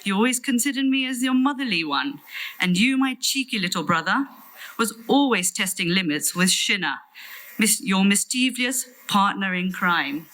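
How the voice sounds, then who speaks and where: Bright-voiced British woman giving a tender eulogy. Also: medium pitch, lively intonation, rough recording. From London, England. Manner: tender, solemn, measured delivery. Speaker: sister giving a farewell eulogy. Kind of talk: prepared eulogy speech.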